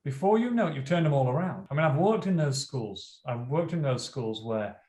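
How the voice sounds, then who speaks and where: Man, school principal, animated storyteller, mid pitch, echoey room. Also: fairly quick. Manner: animated, acts out classroom dialogue. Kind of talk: interview storytelling. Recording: roomy echo.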